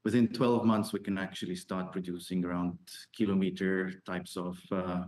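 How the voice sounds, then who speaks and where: Low-voiced man fielding investor questions. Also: flat delivery, moderate pace, darkish tone. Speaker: startup founder.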